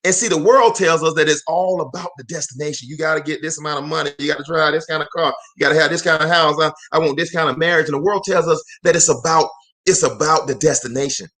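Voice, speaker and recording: He talks fast in a sharp, high-leaning voice, a forties-aged motivational host preaching fervently to a live audience. Phrases get repeated for emphasis, and he keeps calling out to the people watching.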